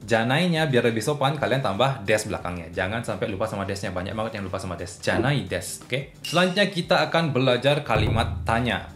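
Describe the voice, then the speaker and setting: A man's voice: on the low side, a bit bright. A young man casually teaching a language lesson, chatty and patient, working through spoken examples. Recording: roomy echo with faint music.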